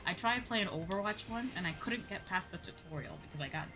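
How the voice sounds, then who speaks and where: A woman livestreamer plays online games and chats casually with her viewers, dropping in some casual swearing, as game music plays. Her mid-range voice is fairly quick with lively intonation.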